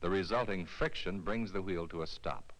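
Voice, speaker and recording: This man narrates a scripted instructional film in a clear, measured, explanatory style reminiscent of 1970s educational film audio. His voice sits low and comes across a bit bright.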